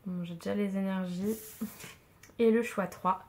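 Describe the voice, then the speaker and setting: This tarot reader has a medium-pitched, steady voice and takes her time. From a home room with a tripod-mounted camera, she chats warmly with viewers, reassuring them, filling pauses and laughing softly.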